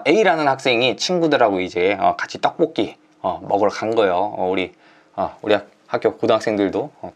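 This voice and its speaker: A man teaching an online exam-prep lecture in a chatty way, full of fillers and pauses. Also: on the low side. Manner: chatty, uses many fillers and drawn-out "ja".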